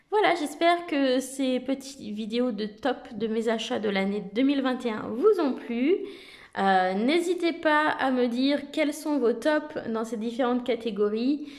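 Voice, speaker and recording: A woman vlogger chatting casually to camera, relaxed, with many filler words as she presents card decks. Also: fairly high pitch.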